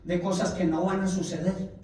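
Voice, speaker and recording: A man preaches in a Bible study, his slightly high voice carrying across a very echoey church hall. He stands well back from the microphone. He speaks with emotion and repeats his phrases for emphasis. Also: flat delivery, moderate pace, mellow. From Colombia. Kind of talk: Bible study testimony sermon. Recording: very echoey room, mic far off.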